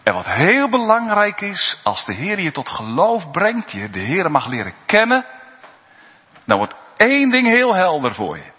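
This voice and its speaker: A man preaching a sermon in earnest, rising to high cries and then dropping to hushed tones. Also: wildly swooping pitch, measured pace. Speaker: pastor. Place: church. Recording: dull lo-fi church recording with long reverb.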